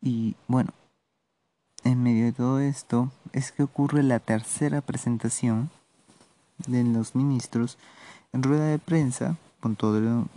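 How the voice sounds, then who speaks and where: A man with a very dark, mellow voice and a Peruvian accent delivers a solo commentary as a podcast host. He speaks slowly, in a measured and sardonic manner, often pausing as he goes. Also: mid-range voice. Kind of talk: solo political commentary monologue.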